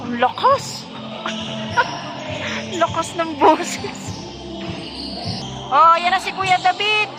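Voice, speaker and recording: A woman's voice: very high voice, lively intonation, takes it slowly, long pauses. A woman casually calling a basketball game, chatty and teasing as she names each player. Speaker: courtside commentator. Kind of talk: casual play-by-play commentary. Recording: music playing under voice.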